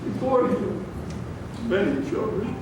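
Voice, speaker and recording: A man's voice: sits high, lively intonation, takes it slowly. King Henry, as a man acts him, aging and grandiose. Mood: wistful, proud. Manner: declamatory, theatrical. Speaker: stage actor. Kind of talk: theatrical monologue on stage. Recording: echoey hall from far off, noisy.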